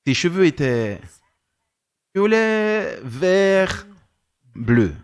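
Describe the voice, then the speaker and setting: A man's voice: sits high, big pitch swings, very slow, clean tone. A male preacher telling a story in a sermon, acting out the dialogue with animation.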